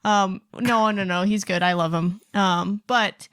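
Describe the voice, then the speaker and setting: A woman's voice: medium pitch, fairly even intonation, unhurried, a bit bright, clean tone, no room sound, studio quality. A woman co-hosting a podcast, chatting casually and reading out listener stories, with lots of fillers and laughter. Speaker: podcast co-host.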